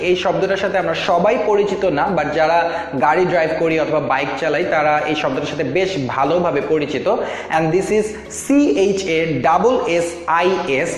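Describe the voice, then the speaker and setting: A man with a Bangladeshi accent teaching English pronunciation, repeating each word over and over and mixing English into his Bengali. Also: high voice. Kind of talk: spoken language lesson. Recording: echoey room with long reverb, faint music.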